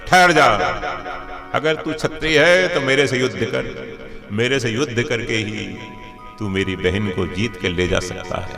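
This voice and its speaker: A man voicing a hot-headed, proud young prince who shouts a challenge to fight. Music plays behind him. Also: fairly low pitch, unhurried, creaky, roomy sound, long reverb tail. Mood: defiant.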